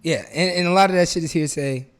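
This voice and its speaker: A man's voice: on the high side, quick pace, clean tone. A man co-hosting a podcast in casual chat, speaking in an emphatic, slangy, boastful way. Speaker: podcast co-host.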